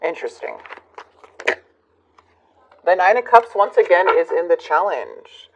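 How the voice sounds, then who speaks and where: A woman reading tarot cards for her channel, talking reflectively with many fillers and pauses. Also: on the low side, lively intonation, muffled recording. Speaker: tarot reader.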